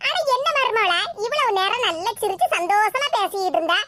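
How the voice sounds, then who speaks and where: A woman voicing a calm, reassuring middle-aged mother who speaks gently, with a Tirunelveli Tamil accent. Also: very high-pitched, fairly quick, very noisy. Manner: gentle, soothing.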